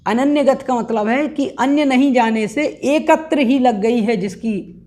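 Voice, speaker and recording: A man teaching an online religious lesson, explaining each word patiently and chanting Sanskrit verses slowly and carefully. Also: very high-pitched, darkish tone. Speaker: teacher of a scripture study course.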